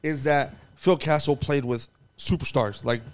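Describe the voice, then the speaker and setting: A man in a casual sports talk chat, explaining his take at length. He gets animated and talks in long, winding stretches. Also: a little high, unhurried. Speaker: co-host.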